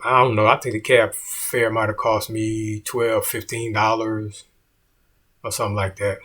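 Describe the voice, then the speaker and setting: A man's voice: lowish voice, level tone, a little slow, fairly bright tone. A middle-aged man, a comedian, telling a story in a laid-back way and saying "man" often.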